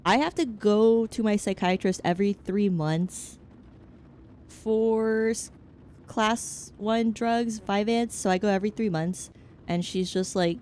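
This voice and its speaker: A woman's voice: mid-range voice, steady tone, slow, darkish tone, slight background noise. A young woman streaming as a VTuber, chatting casually with her chat in a rambling, frank, joking way that hops from topic to topic. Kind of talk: casual chat, answering chat while gaming.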